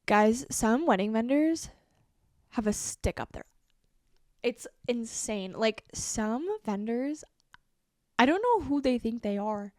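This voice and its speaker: A woman's voice: fairly high pitch, takes it slowly, long pauses, dry recording, clean studio sound. A woman in her twenties hosting a solo podcast, talking casually with lots of fillers. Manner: casual, animated, many fillers like "like" and "um". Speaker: podcast host.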